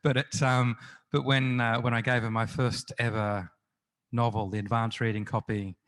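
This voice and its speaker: A man's voice: medium pitch, level tone, moderate pace, fairly bright tone. A middle-aged man, a crime novelist being interviewed, telling anecdotes in a chatty, self-deprecating way full of restarts and fillers. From Australia. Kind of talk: festival interview, anecdotal storytelling.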